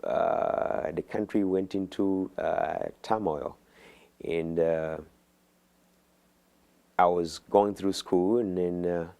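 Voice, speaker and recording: A middle-aged man from Uganda, a guest in an interview, talking haltingly with many fillers and restarts. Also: deep voice, fairly even intonation, vocal fry, warm tone, clear, resonant tone. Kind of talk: interview conversation.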